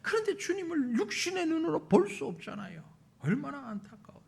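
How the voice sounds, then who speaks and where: A man's voice: extremely high pitch, very animated, a little fast, gravelly, very noisy. A man preaching a sermon as pastor at a prayer meeting, emphatic and questioning his congregation.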